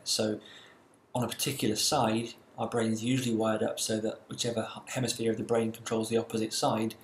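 A man giving a recorded university lecture, explaining in a measured way with occasional fillers. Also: fairly low pitch, a little mellow, roomy sound, slight background noise.

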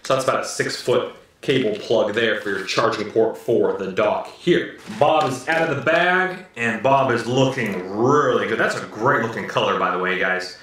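This product reviewer, an American in his thirties, is upbeat and slightly hoarse as he unboxes a gadget at home, repeating "very, very cool, guys." His voice sits on the low side, a bit bright, at a moderate pace. The camera mic, set a short distance away in the echoey living room, adds a little hiss or hum.

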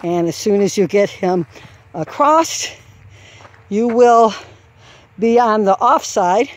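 A woman's voice: medium pitch, lively intonation, takes it slowly. A woman walking an outdoor farm trail course, calling out steps and the trot rhythm as she explains each obstacle. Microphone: handheld camera while walking. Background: faint outdoor farm ambience.

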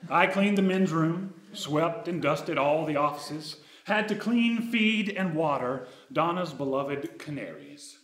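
A man in his thirties reading a true personal story aloud on a dark theater stage, wry and ironic. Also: on the high side, expressive, takes it slowly, hardly any pauses, reverberant.

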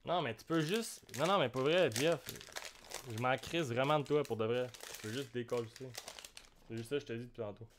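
A young man with a Québécois French accent, hosting a live card-break stream and joking with viewers in a slangy, excitable way. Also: medium pitch, fairly quick, slight background noise. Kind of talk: live card-opening commentary.

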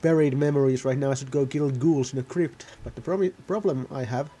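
A man's voice: mid-range voice, fairly quick, warm tone, slightly rough. A man giving casual, rambling gameplay commentary, often correcting himself mid-sentence. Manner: rambling, self-correcting, offhand. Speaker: gaming video host.

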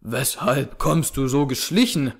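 A man's voice: medium pitch, a little slow, gravelly. A man reading aloud, voicing a frightened older farmer and father who speaks anxiously. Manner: anxious and breathless. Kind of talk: audiobook character reading.

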